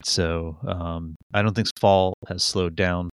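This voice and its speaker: A man's voice: low-pitched, steady tone, slow pace, clean tone, no room sound, clean studio sound. A man in his forties chatting casually as a podcast co-host, rambling and self-mocking with many fillers and restarts. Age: 40s. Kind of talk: casual chat. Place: Connecticut. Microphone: studio microphone.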